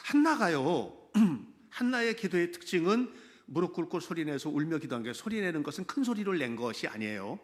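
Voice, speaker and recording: A man preaching a Sunday sermon as pastor, animated and conversational, often asking the congregation direct questions. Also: on the high side, moderate pace.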